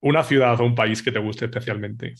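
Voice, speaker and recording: A man hosting a podcast, asking relaxed questions with short backchannels. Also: medium pitch, fairly quick, creaky. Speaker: podcast host. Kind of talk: casual interview chat.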